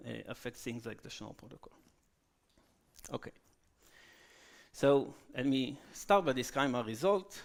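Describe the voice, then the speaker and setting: A man giving a technical conference talk, halting with fillers and checking in with "okay?" after each point. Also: medium pitch. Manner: frequent "okay?" tag questions, halting with fillers. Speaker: conference speaker. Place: conference hall.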